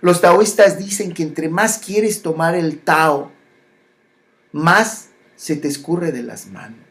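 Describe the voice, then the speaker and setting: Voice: mid-range voice, a bit bright. Reflective spiritual speaker. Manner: slow, repetitive phrasing with many pauses and restarts.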